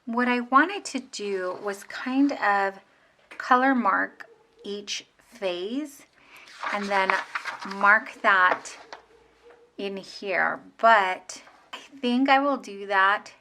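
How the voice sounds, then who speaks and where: A woman's voice: medium pitch, extremely slow, pushed and bright, a little hiss or hum. A woman in her thirties chatting casually as she sets up her planner at home, rambling with fillers and restarts. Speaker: planner vlogger. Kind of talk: casual plan-with-me narration.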